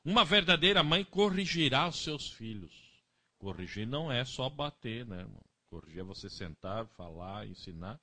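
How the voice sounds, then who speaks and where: A man's voice: mid-range voice, sing-song, moderate pace, pushed and bright. A man preaching a sermon, telling folksy stories with acted quotes and often adding tag questions.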